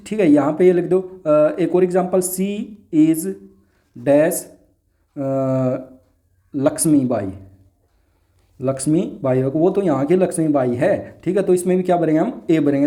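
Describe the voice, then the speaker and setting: A male grammar teacher with a fairly high voice and a piercing, bright edge to his tone. He works through each rule step by step, asks his students questions and then answers them himself. He drags out each example sentence slowly as he reads it. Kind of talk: classroom lesson.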